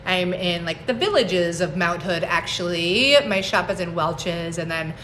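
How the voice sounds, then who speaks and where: A woman's voice: fairly low pitch, measured pace, fairly bright tone, a little hiss or hum. A woman in her forties, a herbalist, chatting casually on a phone livestream, laughing often and greeting viewers by name. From United States. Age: 40s. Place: home on a mountain, indoors.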